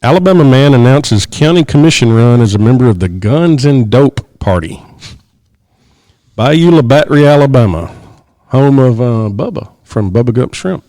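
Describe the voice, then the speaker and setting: A man hosting a casual podcast, reading news headlines and stories with slow, emphatic pauses. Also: mid-range voice, expressive, dark tone, no echo. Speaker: podcast host.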